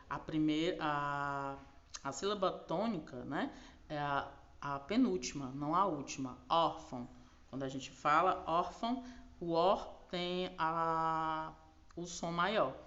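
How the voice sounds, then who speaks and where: Patient low-voiced teacher, lo-fi sound. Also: female voice, a bit bright. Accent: Brazilian Portuguese. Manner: patient, slow over key words, frequent tag questions. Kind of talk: recorded class explanation. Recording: dull lo-fi recording.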